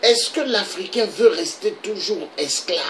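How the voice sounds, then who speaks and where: A man's voice: high-pitched, expressive, a little slow, a bit bright, a little hiss or hum, low-quality recording. A man from the Congo, delivering an impassioned political monologue full of repeated rhetorical questions. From Republic of the Congo. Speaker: political video blogger.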